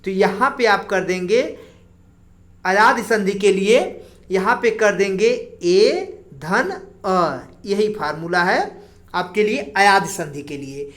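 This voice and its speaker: A woman teacher explaining grammar slowly for exam preparation, drawing out single sounds as she goes. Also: mid-range voice. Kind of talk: exam-prep grammar lesson.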